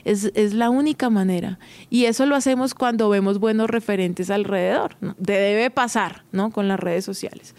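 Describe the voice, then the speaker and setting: A woman's voice: medium pitch, normal speed, a little mellow, no room sound. A woman hosting an advice podcast, talking conversationally and directly to the listener with frequent tag questions. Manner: encouraging, addresses listener directly. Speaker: podcast host.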